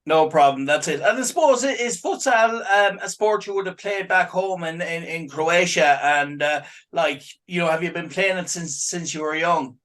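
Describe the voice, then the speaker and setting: Male radio host, higher-pitched, stumbles through long questions. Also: normal speed, few pauses, fairly bright tone. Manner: rambling, stumbling repeats. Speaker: sports radio host and physio. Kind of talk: radio interview.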